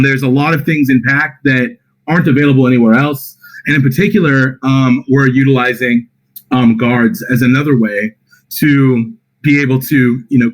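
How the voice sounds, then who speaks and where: A tired man with a slightly raspy, medium-pitched voice represents a project and answers community questions in a casual voice-chat Q&A. He relaxes into it, reading each question aloud and replying with plenty of fillers. The recording quality is low.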